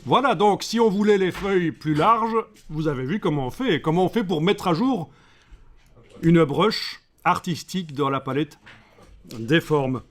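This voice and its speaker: A man with a Belgian French accent teaching a live software class, breaking up the steps with joking asides to his students. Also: fairly high pitch, expressive, measured pace.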